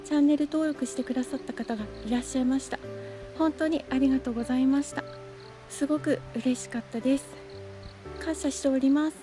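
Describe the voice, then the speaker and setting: A young woman narrates her own morning run into a camera strapped to her body, chatting easily and laughing often. Her voice is notably high. Music plays clearly beneath her words. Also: fairly even intonation, fairly quick. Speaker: vlogger. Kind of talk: casual running vlog narration. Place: outdoors on a country road while running.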